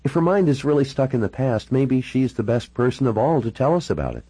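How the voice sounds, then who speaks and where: A man's voice: medium pitch, very animated, a little fast, dark tone, slightly rough, no echo, pitched above the performer's own voice. A man voicing a polite, direct young woman in an audiobook. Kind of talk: audiobook character voice.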